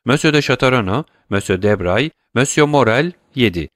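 A man voicing a self-assured count, measured delivery, dry irony, slightly raised pitch, close dry audiobook. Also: expressive, no echo, natural voice. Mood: calmly mocking. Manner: measured, dry, lightly mocking. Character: cool, commanding middle-aged count, ironic.

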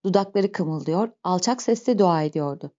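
A woman narrating a novel as an audiobook in slow, measured storytelling, on a dull lo-fi recording. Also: fairly low pitch, expressive, mellow.

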